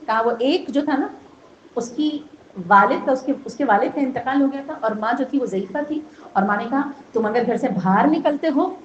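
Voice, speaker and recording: A woman's voice: sits high, darkish tone. A woman with a Pakistani Urdu accent giving a devotional sermon at a gathering, telling a story and putting rhetorical questions to her listeners, rising to emphatic peaks. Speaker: zakira, religious speaker. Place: imambargah gathering hall. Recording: echoey lo-fi hall recording with faint hiss.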